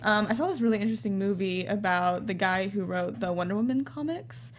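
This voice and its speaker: A woman's voice: medium pitch, brisk, a little hiss or hum. A woman hosting a review panel, chatty and upbeat with plenty of fillers. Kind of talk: casual panel discussion.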